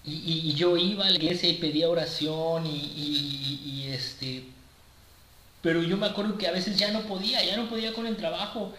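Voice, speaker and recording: A male preacher tells a testimony in a sermon. His voice sits a bit high, and he stumbles and repeats words as he goes. He is recorded in an echoey room with a faint ambient hiss. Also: pushed and bright. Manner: halting, many repeated words and restarts.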